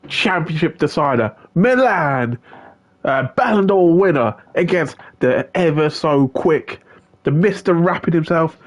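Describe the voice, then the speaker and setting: Chatty man commentating a sim race. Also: fairly high pitch. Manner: chatty, greets viewers by name, filler-heavy. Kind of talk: live sim-racing stream commentary.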